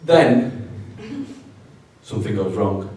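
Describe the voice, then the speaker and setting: A man's voice: fairly low pitch, slow, far from the mic. Yorkshire guy doing comic storytelling live, echoey hall, mic a way off. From Yorkshire, England. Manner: animated, self-mocking storyteller. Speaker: stage performer. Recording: roomy live venue, from afar.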